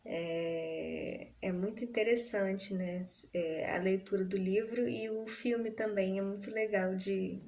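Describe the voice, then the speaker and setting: Slow, patient Brazilian woman teacher. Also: mid-range voice, fairly even intonation, a little mellow. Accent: Brazilian Portuguese. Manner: slow and patient, with frequent tag questions. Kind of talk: remote grammar lesson.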